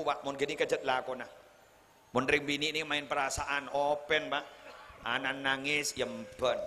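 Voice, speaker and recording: A man preaching a humorous religious sermon at a wedding gathering, speaking with a Madurese accent, joking and teasing his audience, then rising to loud, emphatic preaching. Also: medium pitch, slight background noise. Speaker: Islamic preacher. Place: large hall at a wedding celebration. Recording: live hall sound with faint crowd ambience.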